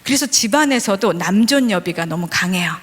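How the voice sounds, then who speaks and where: A woman's voice: medium pitch, animated, fairly quick, slightly rough. A woman in her forties preaching a sermon, telling stories with humor and joking with her congregation. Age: 40s. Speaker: preacher, vice principal. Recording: long hall reverb.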